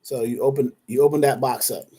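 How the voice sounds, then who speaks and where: A man of medium pitch hosts a live online Q&A as a dispatcher trainer. He talks in a loose, chatty way, speaking to viewers by name and often restarting his sentences as he thinks aloud. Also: steady tone, a little fast, mellow, husky.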